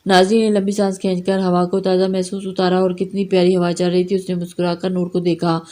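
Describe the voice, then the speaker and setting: A woman reading a romance novel aloud as storybook narration, measured and unhurried. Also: on the low side, monotone, dark tone. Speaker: novel reader.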